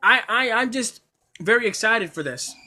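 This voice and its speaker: A man talks to his livestream chat in a high, bright voice, tripping over his words as he gushes. He keeps restarting sentences and apologizing for being overexcited, in a loose, casual way. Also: normal speed. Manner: excitable, stammering, apologetic. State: coughing at times. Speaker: anime streamer.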